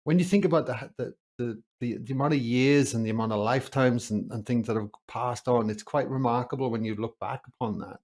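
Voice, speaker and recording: Man asking halting interview questions. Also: mid-range voice, darkish tone. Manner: halting, repeats words while forming questions. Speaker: podcast host.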